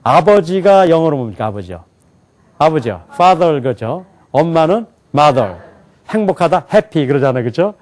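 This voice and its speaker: Animated Korean lecturer quizzing his class. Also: on the high side, unhurried. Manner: animated, asks the class questions and answers them himself. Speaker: English teacher.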